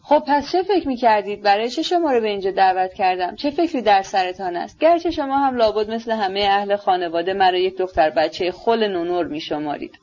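A woman's voice: mid-range voice, lively intonation, few pauses, a little mellow, muffled recording, natural voice. A woman reading as a headstrong proud young woman. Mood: sarcastic. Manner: passionate, emphatic, defiant.

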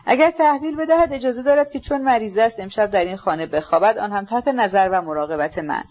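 A woman's voice: medium pitch, highs cut off, close to an everyday voice. A woman reading aloud, voicing a fussy, agitated middle-aged male landlord who insists obsequiously.

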